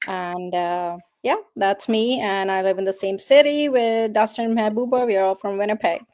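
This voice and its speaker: A woman's voice: medium pitch, moderate pace, darkish tone. A woman introducing herself casually on a live panel over a video call.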